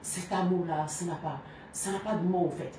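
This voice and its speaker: A woman's voice: lowish voice, fairly even intonation, moderate pace, dark tone. A woman giving an earnest, emotional personal testimony with intense, heartfelt delivery. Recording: very echoey, from far off, faint noise.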